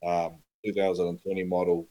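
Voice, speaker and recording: Casting: male podcast co-host, broad Kiwi accent, lowish voice, slangy and blokey anecdote-teller. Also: monotone, fairly quick, mellow. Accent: broad New Zealand. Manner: blokey, slangy, sweary storytelling. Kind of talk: casual anecdote-telling on a podcast.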